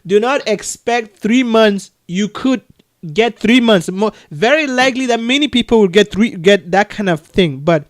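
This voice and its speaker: Man from Cameroon, Cameroonian accent, high voice, earnest and halting over a video call. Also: animated. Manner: earnest, many restarts and soft laughs. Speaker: adoption agency leader. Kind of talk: casual video call conversation.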